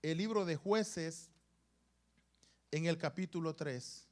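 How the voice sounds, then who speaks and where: A man's voice: a little high, slow pace. A man preaching to his congregation in a church, with sudden rises and drops in emphasis and frequent asides to the brothers and sisters. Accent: Latin American Spanish. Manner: rising and falling emphasis, calls the congregation "hermanos". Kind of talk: sermon. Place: church sanctuary.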